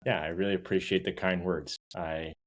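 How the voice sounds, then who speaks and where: A man's voice: low voice, steady tone, brisk. A young man from New Hampshire, an outfitter and guide, speaking earnestly and a little ramblingly as a first-time podcast guest. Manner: earnest, rambling, self-deprecating. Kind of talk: podcast interview.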